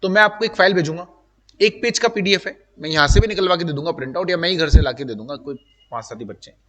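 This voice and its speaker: A man's voice: on the high side, quick pace, a bit bright. A male teacher giving a live classroom lecture, talking directly and chattily to his students and mixing English terms into his speech. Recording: long room reverb.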